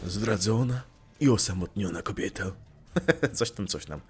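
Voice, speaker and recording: A man's voice: lowish voice, animated, unhurried, soft background music. A young man casually commenting on his gameplay, joking, swearing lightly and talking back to the game characters. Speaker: let's play gamer.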